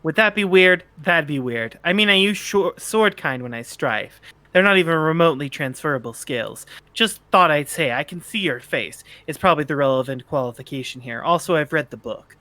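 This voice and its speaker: Man playing bright, snarky teenage bird-boy sprite. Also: a little high, expressive, normal speed, dry recording. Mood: nervous rambling. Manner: casual slangy rambling, stammering. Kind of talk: amateur fan fiction read-aloud, character dialogue.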